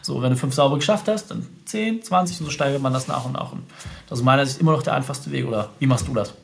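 A man's voice: mid-range voice, quick pace, vocal fry, slight background noise. A man speaking as a business consultant guest in a podcast interview, emphatic and direct, often punctuating his points with short "ja" and "so" tags.

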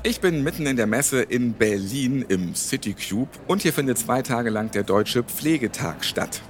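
A man hosting a podcast, presenting clearly and asking interview questions at a trade fair venue. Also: mid-range voice, lively intonation, a little slow, music in the background. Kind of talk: moderated reporting and interview questions.

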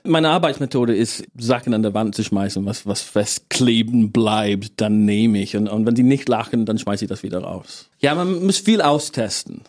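A man's voice: on the low side, moderate pace, few pauses, darkish tone. A man from northern England, a native English speaker, talking as a comedian guest in an interview with an English accent, often restarting his phrases and chuckling at his own jokes. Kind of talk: casual interview chat.

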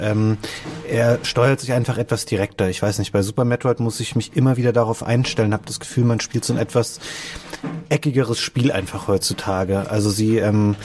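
A man's voice: mid-range voice, a little mellow, a little hiss or hum. A man chatting casually as a panellist in a discussion about video games. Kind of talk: casual chat.

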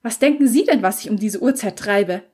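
A woman voicing a tired, sharp-tongued young tradeswoman in a read-aloud novel excerpt, her pitch lifted and her replies sarcastic. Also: fairly quick, slightly rough, natural voice. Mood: snippy.

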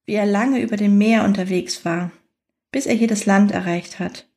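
A woman with a mid-pitched voice leads a guided relaxation. She reads in a soothing, unhurried way. Long pauses separate her phrases, as in a scripted meditation. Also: fairly even intonation, warm tone. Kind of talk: guided fantasy journey, scripted relaxation narration.

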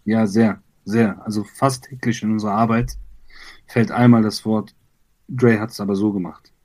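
A man from Iran, a rapper being interviewed, talking reflectively with many pauses, fillers and repeated words. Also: fairly low pitch, steady tone, darkish tone. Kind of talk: conversational interview.

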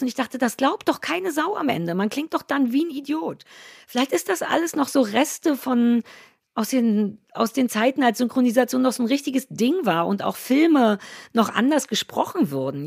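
A woman in her forties with a Berlin accent, co-hosting a podcast and telling stories in a lively, self-mocking way. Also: a little high, vocal fry, husky, dry recording, studio quality. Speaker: podcast co-host. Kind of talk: casual podcast chat.

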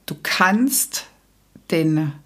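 A woman hosting a solo podcast, calmly explaining to the listener. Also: deep voice, very slow. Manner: calm, explanatory, addresses listener directly. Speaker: podcast host and coach.

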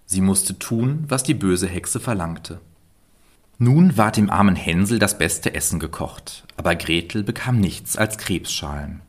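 A man with a very low voice reads a fairy tale aloud, calm and measured. He tells the story with steady pacing and clear phrasing.

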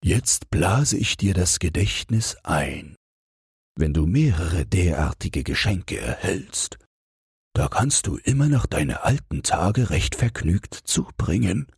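A man's voice: low-pitched, sing-song, slow pace, creaky, a little mellow, husky, dry recording, clean studio sound, full character voice. A man voicing the wind in a fairy tale, commanding and lecturing. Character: the wind, a bossy kindly old elemental.

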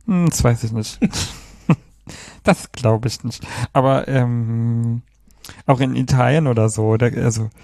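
A man's voice: medium pitch, measured pace, vocal fry, pauses often, warm tone, no room sound, clean studio sound. A man co-hosting a podcast in casual chat, hesitant and thinking aloud. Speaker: podcast co-host.

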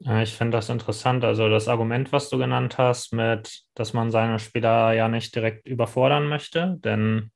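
A man hosting a podcast interview, asking questions in a calm, steady way with frequent fillers. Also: medium pitch, moderate pace, gravelly, hardly any pauses. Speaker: podcast host.

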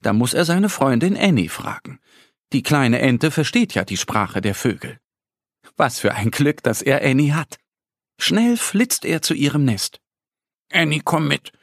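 A man narrates a children's story slowly and gently. His pitch moves lively through each phrase, and his voice is slightly husky. The recording is close and dry. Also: no echo.

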